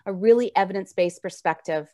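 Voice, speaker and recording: A woman's voice: mid-range voice, fast talker, mellow. Woman presenter with slushy s sounds. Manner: slurred, slushy s sounds from wearing braces. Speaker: registered nurse presenting a health webinar. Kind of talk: informal lecture over slides. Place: indoor room, video call.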